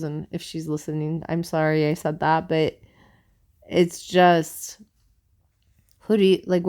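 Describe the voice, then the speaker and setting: A South American woman co-hosts a podcast, chatting casually in an earnest, rambling, musing way. Her voice is smooth, fairly low in pitch, and darkish in tone.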